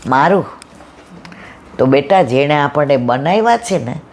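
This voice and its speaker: A middle-aged woman speaks. She tells a devotional story in a lively way and acts out both sides of a conversation. A faint hiss sits under her voice. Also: low voice, a little slow. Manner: lively storyteller acting out dialogue. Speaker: satsang speaker.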